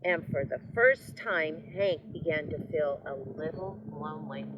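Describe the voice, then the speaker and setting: An older woman reads to children in a fairly low voice. She takes her time, gently stopping for asides and questions. There is faint noise in the recording. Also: dull audio. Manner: gentle, unhurried, addressing children. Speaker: children's storytime reader. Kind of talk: read-aloud storytelling with asides to children.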